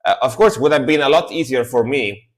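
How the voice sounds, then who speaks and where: This fairly quick, medium-pitched voice belongs to a livestream host in his thirties from Italy. A native Italian speaker with an Italian accent, he talks casually and wanders from point to point, repeating himself a lot.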